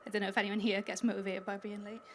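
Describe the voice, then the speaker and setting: On a conference hall stage, a Welsh woman gives a talk in a mid-range voice with flat delivery and rapid-fire pace, with a little hiss or hum in the audio. She's chatty and upbeat, laughing lightly between points.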